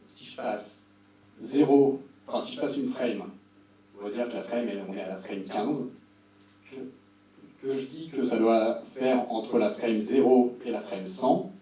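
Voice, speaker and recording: Man, very echoey room, slightly off-mic, mellow tone, informal tech presentation, wry casual delivery. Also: medium pitch. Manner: casual, wry, dry-humoured asides. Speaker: conference speaker. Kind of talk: informal technical presentation with slides. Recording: roomy echo, distant mic, faint hum.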